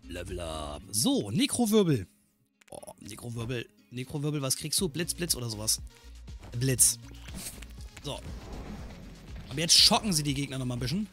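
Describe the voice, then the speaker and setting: Lively man commenting his gameplay. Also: medium pitch, moderate pace, pauses often, soft background music. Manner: animated, joking, scolds the game's enemies. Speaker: gaming channel host. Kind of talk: let's play commentary.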